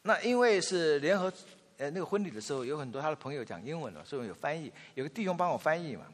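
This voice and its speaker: A man in his fifties giving a sermon, telling family anecdotes in an animated way and acting out the quotes. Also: on the high side, fast. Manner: storytelling, animated, acts out quotes. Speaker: pastor. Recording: long reverb of a large hall.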